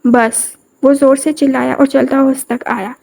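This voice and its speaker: High-voiced woman narrating a novel. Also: level tone, vocal fry, dark tone. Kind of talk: scripted narration.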